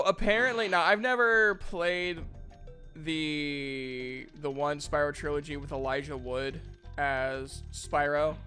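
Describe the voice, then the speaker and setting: A man's voice: a little high, fairly bright tone. A young man giving casual gameplay commentary as a streamer, rambling and joking with lots of fillers. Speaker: streamer and voice actor. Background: game music.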